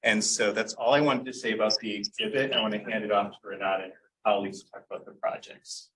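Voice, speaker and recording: A man presenting an exhibit to an audience, reflective and pausing with fillers. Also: lowish voice, fairly even intonation, fairly bright tone. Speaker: exhibit organizer. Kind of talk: event presentation speech. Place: event room. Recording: distant mic with faint room noise.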